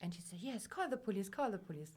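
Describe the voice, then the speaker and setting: A woman's voice: medium pitch, big pitch swings, rapid-fire, crowd noise. A woman on a podcast, talking in simple non-native English with slips in tense. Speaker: podcast guest. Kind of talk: casual chat.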